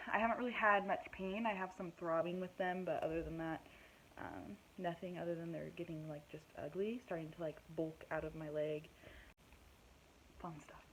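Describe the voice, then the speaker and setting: A woman's voice: fairly low pitch, muffled recording, slight background noise. A young woman giving a casual pregnancy update vlog, out of breath, rambling with lots of fillers and self-deprecating asides. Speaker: vlogger.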